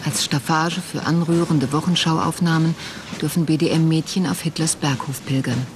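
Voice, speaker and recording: A man's voice: fairly high pitch, steady tone, measured pace. A man reading scripted documentary narration in terse, clipped sentences. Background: loud music.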